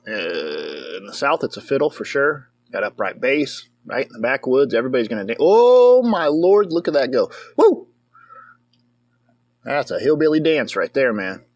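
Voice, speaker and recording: A man's voice: medium pitch, a bit bright, no room sound. A man giving casual, comedic commentary over a movie as a reviewer. He rambles, jokes, and breaks into whoops and cheers.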